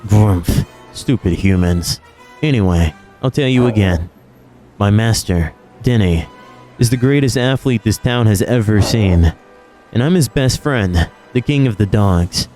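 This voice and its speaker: A man voicing a gruff, proud male dog who calls himself king of the dogs, growling and grumbling between words in a game. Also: fairly low pitch, animated, measured pace, mellow, faint music behind.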